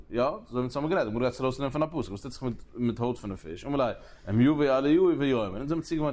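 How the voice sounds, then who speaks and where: Working through the reasoning of a religious text in a study lecture, a Talmud teacher talks in quick bursts, restarting and repeating phrases and raising questions along the way. His voice is medium-pitched and a little mellow.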